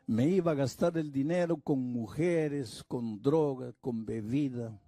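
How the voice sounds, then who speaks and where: An older man from Peru, a pastor telling a story in a sermon, slow and measured, voicing the people he quotes. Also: mid-range voice, warm tone, no room sound.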